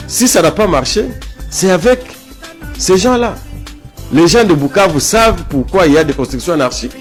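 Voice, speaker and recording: With faint music behind him, a South Kivu man with a Congolese French accent talks at normal speed in a high, expressive voice. As a guest in a political interview, he pushes his opinions hard and keeps repeating phrases to make them stick.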